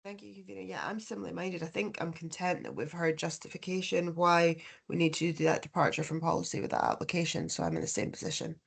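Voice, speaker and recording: Fast, deep-voiced woman. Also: creaky, slightly rough. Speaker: board member.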